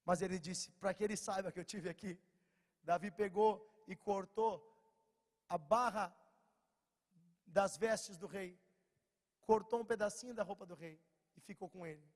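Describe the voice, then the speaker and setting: A Brazilian man with a slight cold, preaching a lively storytelling sermon to young people, swinging from loud bursts to quiet low lines. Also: unhurried, pauses often. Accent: Brazilian Portuguese. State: slightly hoarse, has a cold. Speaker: preacher at a youth meeting. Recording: long church-hall reverb.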